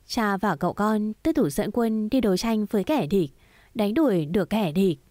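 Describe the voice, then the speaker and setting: A tender middle-aged mother, voiced by a woman reader, patient and sorrowful in a spoken romance story. She talks softly and coaxingly at an ordinary pitch. The recording is dry and close. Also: animated, moderate pace, no room sound, close to an everyday voice. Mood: recounting.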